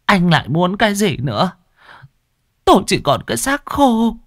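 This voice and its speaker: A woman's voice: medium pitch, sing-song, normal speed, no echo, studio quality, voice pushed up. A man voicing a frail, desperate old peasant mother, pleading and shrieking in a storybook tale. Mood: bitter. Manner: pleading, then shrieking in terror.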